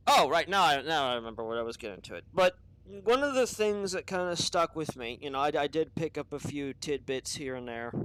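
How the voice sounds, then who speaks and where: A man's voice: on the high side, big pitch swings, fairly quick, fairly bright tone, clean tone, poor audio. A man hosting an unscripted opinion podcast, talking in a rambling, profane monologue full of restarts and tangents. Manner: rambling, profane, self-interrupting. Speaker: podcast host.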